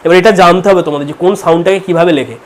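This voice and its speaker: Male teacher, from India, rapid delivery, explaining pronunciation and repeating sample words. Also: sits high. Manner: explanatory, repeats words slowly to model sounds. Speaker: English teacher. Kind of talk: online pronunciation lesson.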